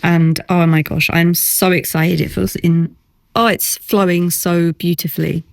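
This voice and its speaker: A woman's voice: lowish voice, unhurried, gravelly, dry recording. Bubbly woman co-hosting a podcast. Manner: bubbly, laughs often, excitable. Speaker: podcast co-host. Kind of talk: casual chat.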